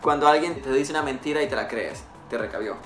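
A man's voice: mid-range voice, fairly bright tone, reverberant, faint music behind. A young man from Costa Rica with a Costa Rican accent, chatting casually in a teasing, playful way while playing a phrase-guessing game. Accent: Costa Rican Spanish. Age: young adult. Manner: playful, teasing, quick to laugh. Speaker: game contestant. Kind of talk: casual chat. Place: indoor living room, seated on a couch.

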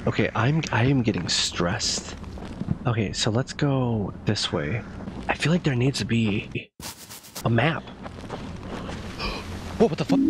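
A horror game streamer in his thirties gives casual, nervous live commentary, swearing freely. His medium-pitched voice is animated and a little slow, with the game's ambient noise clearly audible behind it.

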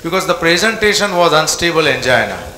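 A man's voice: fairly high pitch, very animated, brisk, sharp tone. An older man with an Indian accent, commentating as the operating doctor during a live medical procedure. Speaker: operating cardiologist. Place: hospital cath lab. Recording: echoey room with clear background noise and clicks.

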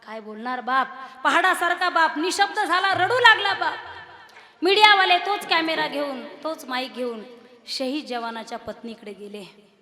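An impassioned woman preaches a devotional kirtan sermon and often swells into loud declaiming. Her voice is high and bright. It carries through a large hall with a PA and a long reverb. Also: big pitch swings, normal speed.

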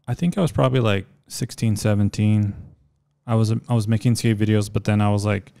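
A man from El Paso, Texas, with a slightly low, gravelly yet clear voice talks through his story in a loose, rambling manner. He strings thoughts together with plenty of likes and kinda, never hurrying to a point. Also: a little fast. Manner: relaxed, rambling with many likes. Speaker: guest, skateboarder and filmmaker. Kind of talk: casual interview chat.

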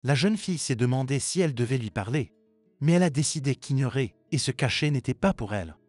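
Steady male story narrator. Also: mid-range voice, fast, dry recording. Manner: even, steady reading. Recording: dry with faint music behind.

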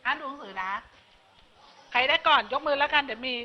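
A woman teaching a language class, running a quick vocabulary drill and prompting her students with short questions. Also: sits high, a little hiss or hum. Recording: dull lo-fi classroom recording with students chattering.

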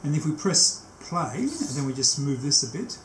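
A man in his sixties, a technician, demonstrates setting up a tape machine, narrating each step off the cuff and often breaking off mid-task. His voice sits on the high side, sing-song and a bit bright. It was caught on a camera mic in a small, cluttered workshop, so the room echoes and faint noise lingers.

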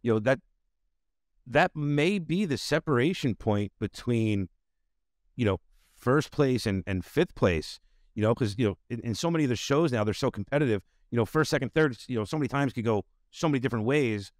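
A man's voice: mid-range voice, expressive, moderate pace, dry recording. Middle-aged guy hosting a podcast on a video call, lots of you-knows, dry close sound. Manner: rambling, full of "you know" fillers. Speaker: podcast host. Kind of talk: casual interview chat. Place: home studio with bookshelves. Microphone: desk mic on video call.

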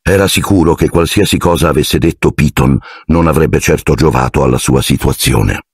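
Deep, husky male audiobook narrator. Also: normal speed, no room sound, clean studio sound. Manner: expressive storytelling.

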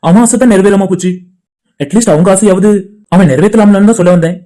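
A man voicing a remorseful young man in a cartoon, speaking softly and apologetically. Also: high-pitched, fast talker, natural voice. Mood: apologetic. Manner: soft, apologetic talk.

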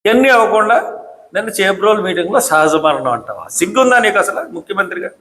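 A man's voice: high-pitched, lively intonation, fast, pushed and bright. A man giving a combative political speech, scolding with repeated rhetorical questions. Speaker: political commentator. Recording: echoey hall.

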